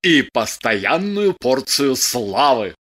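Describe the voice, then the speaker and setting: A woman voicing a calm, mocking man. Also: rumbling low, slow, husky, voice pushed down, heavily acted. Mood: coolly mocking. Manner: calm, firm, dryly mocking. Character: calm mocking man, firm and teasing lover. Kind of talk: audiobook character voice.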